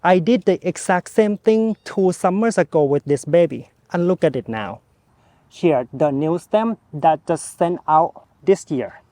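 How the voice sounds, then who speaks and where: Male gardening host, slightly high voice, relaxed and chatty, talks straight to camera. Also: a little slow, no echo. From Thailand. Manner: chatty, relaxed, speaks to viewer directly. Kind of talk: casual how-to gardening vlog. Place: outdoors in a home garden.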